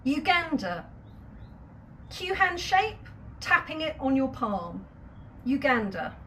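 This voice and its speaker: High, lively woman teaching slowly. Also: a little hiss or hum. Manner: patient, step-by-step explanations with light laughs. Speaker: sign language teacher. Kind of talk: instructional video lesson.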